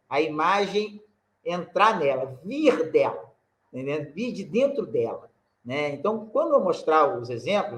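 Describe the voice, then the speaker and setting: A man's voice: on the high side, fairly bright tone. A man with a Brazilian Portuguese accent teaching a poetry workshop over a video call, explaining rules step by step and often adding tag questions. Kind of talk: online workshop lecture.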